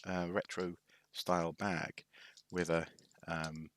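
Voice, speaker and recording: A man's voice: low voice, level tone, slow pace, a bit bright. A man from North Wales chatting casually on a live stream, hesitant with lots of restarts and wry asides. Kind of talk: casual rambling show-and-tell.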